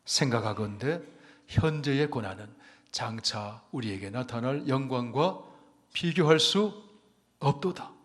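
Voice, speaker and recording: A male pastor preaching a sermon. He swings from loud, emphatic declarations to hushed, almost whispered lines, and he calls on the congregation to say amen and repeat after him. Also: medium pitch, animated, a little slow, long reverb tail. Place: church sanctuary.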